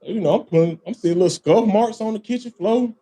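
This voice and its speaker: A man's voice: high-pitched, fast, warm tone, husky. Laughing, swearing man telling a story. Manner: profane, laughing storyteller full of "man" and "bro". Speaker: podcast host. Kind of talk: casual storytelling chat.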